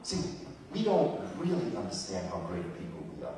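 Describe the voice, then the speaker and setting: A man's voice: lowish voice, big pitch swings, brisk, distant mic, a crowd in the background. Passionate man lecturing in an echoey hall. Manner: preacherly, emphatic, repeats words for effect. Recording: echoey hall, recorded from afar.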